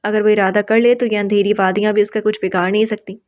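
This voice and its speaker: A woman's voice: medium pitch, little pitch movement, dry recording, dull audio, natural voice. A woman voicing a caring young woman who earnestly reproaches a friend. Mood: reproachful.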